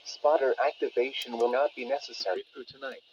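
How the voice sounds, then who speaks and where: Over muffled, noisy weather radio playback, an automated male announcer voice reads scripted weather and alert bulletins. The synthetic text-to-speech voice is medium-pitched and a little mellow, with fairly even intonation and a brisk pace.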